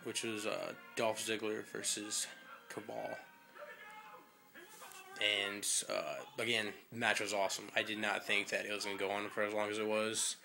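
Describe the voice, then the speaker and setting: A man's voice: on the low side, little pitch movement, normal speed, creaky, over music. A young man casually recapping wrestling results, rambling and chatty with lots of fillers, a little out of breath. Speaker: wrestling fan vlogger.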